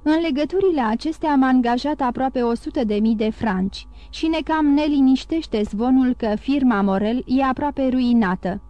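Storybook role: a businesslike agent in his thirties, read by a woman, formal and polite, mellow voice, dry. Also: sits high, hardly any pauses, no room sound, lightly acted. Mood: concerned.

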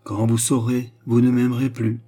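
A man reading the lines of a young woman who feigns repentant love, in an earnest, softly dramatic tone. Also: mid-range voice, monotone, moderate pace, natural voice. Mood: pleading. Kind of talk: audiobook character reading.

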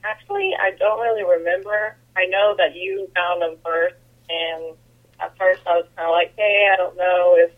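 A woman's voice: on the low side, fairly even intonation, moderate pace. A woman heard over the phone, chatting casually with her brother and reminiscing in an easygoing way, with fillers like "like" and "I mean". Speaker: guest, host's sister. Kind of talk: casual chat. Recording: tinny phone line.

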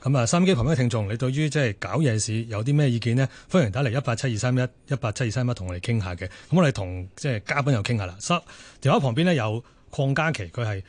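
A man's voice: medium pitch, lively intonation. A male talk radio host thanking guests, inviting calls and introducing the next guest. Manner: brisk, repeats the call-in number.

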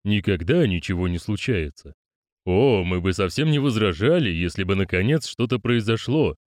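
A mournful old postal veteran from an audiobook, as a male narrator plays him, speaking low and resigned. He sounds worn out by years of disappointment. Dry, close sound. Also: expressive, normal speed, dry recording, natural voice. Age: older.

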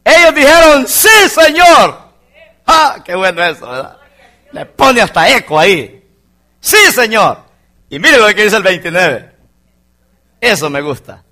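A man's voice: high-pitched, big pitch swings, measured pace, long pauses, sharp tone. A male pastor preaching a fervent sermon to his congregation, often calling his listeners brother. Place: church congregation.

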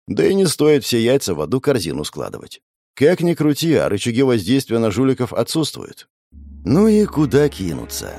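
A man reading a first-person audiobook in an expressive, storytelling voice. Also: medium pitch, dry recording, studio quality. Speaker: audiobook narrator.

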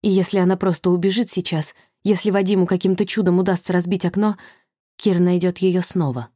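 Dark-voiced woman reading a thriller. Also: on the low side, steady tone, dry recording, studio quality. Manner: measured, tense storytelling. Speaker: audiobook reader. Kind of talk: scripted thriller narration.

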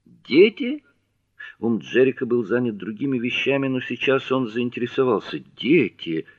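A man narrating a novel aloud in an expressive storytelling manner. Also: mid-range voice, a little fast, dry recording, highs cut off. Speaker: audiobook narrator. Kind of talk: scripted narration.

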